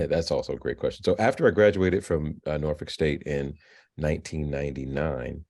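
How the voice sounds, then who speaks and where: A man in his fifties, interviewed about his career, talking in a halting way with frequent restarts and repeated words. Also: rumbling low, a little mellow. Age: 50s. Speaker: filmmaker and novelist, alumnus guest. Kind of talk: interview, conversational. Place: virtual interview.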